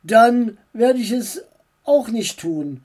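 Woman doing a secretive teasing uncle, evasive answers, slow mellow storybook voice. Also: on the high side, lively intonation, voice pushed up. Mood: teasing calm.

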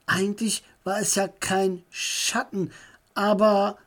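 A woman's voice: mid-range voice, level tone, slow. Woman doing a serious young girl. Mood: puzzled.

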